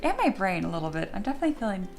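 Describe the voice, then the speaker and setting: Speaking very fast with big pitch swings, this medium-pitched, slightly mellow woman hosts a 3D sculpting livestream tutorial against faint background music. She's sleepy and a little scratchy, voice not yet warmed up, and talks in an informal, chatty way, musing aloud to herself and her viewers.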